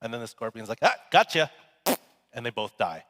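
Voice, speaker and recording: A man's voice: lowish voice, fast. A male pastor giving a sermon in a casual, joking, conversational way. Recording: echoey hall.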